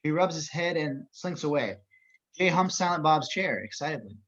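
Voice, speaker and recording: Reading action lines from a script at a table read, a man with a higher-than-average male voice sounds animated and fairly bright at a normal speed. The audio is lo-fi and dull.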